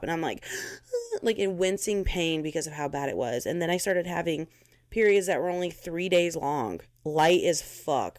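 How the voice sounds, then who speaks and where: American woman, podcast host, low voice, profane, blunt, dry close sound. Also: no echo. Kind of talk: casual solo podcast monologue. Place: her bedroom.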